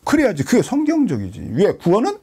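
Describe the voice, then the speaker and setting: A husky man, a pastor teaching the Bible in a sermon, who asks rhetorical questions and answers them himself. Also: high-pitched, wildly swooping pitch, brisk, dark tone.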